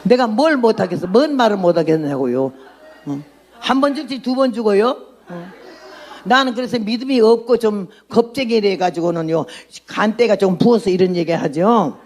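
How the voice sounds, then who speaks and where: A woman's voice: medium pitch, expressive, moderate pace, darkish tone, a little hiss or hum. An outspoken woman in her eighties preaching a testimony sermon as a missionary, blunt and emphatic. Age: 80s.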